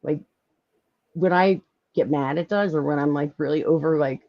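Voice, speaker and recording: A woman with a Philadelphia accent, hosting a casual live-stream chat, talkative and quick to laugh. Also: sits low, creaky, muffled recording. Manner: chatty, lively, laughs often, many fillers. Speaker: podcast host.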